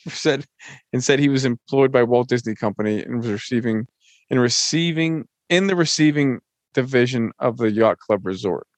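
A man's voice: mid-range voice, normal speed, no echo. Man on a choppy call, cutting out. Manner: stumbles and restarts while reading. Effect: choppy audio from a bad internet connection, cutting out mid-phrase. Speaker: podcast co-host. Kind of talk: reading a news story aloud to co-hosts. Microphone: video call.

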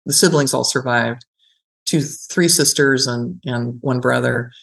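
In poor audio, a middle-aged gerontology professor talks in an extremely low, unhurried voice with vocal fry, fairly even intonation, a bit of brightness and a breathy edge. Being interviewed, she explains reflectively, shares personal stories, and checks in with "right?" and "you know."

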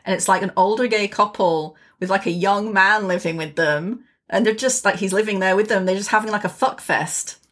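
A woman's voice: mid-range voice, fairly quick, hardly any pauses, a bit bright. Candid woman chatting. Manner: candid, chatty, swears freely. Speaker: podcast co-host. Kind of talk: casual chat.

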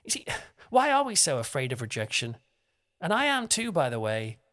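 A man's voice: a little high, wildly swooping pitch, moderate pace, a bit bright. A young man giving a conversational, self-deprecating devotional talk as a preacher. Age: young adult.

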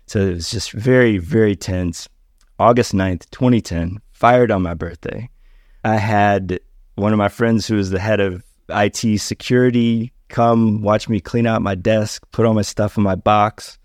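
A man's voice: lowish voice, steady tone, unhurried, no room sound, studio quality. A middle-aged man, a podcast guest, casually telling a personal story and acting out the voices of the people in it. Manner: conversational, acts out quoted voices.

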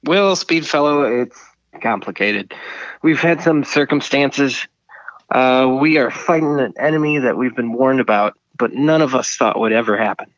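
A man's voice: mid-range voice, moderate pace, fairly bright tone, no room sound, lo-fi sound. A man playing a flustered, stammering mission control operator, heard over a radio link in a comedy skit.

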